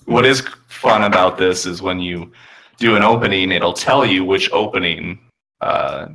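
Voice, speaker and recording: A man's voice: sits low, unhurried, creaky, fairly bright tone, poor audio. A man co-hosting a gaming podcast, talking in an easygoing, rambling way. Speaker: podcast co-host. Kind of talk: casual gaming chat.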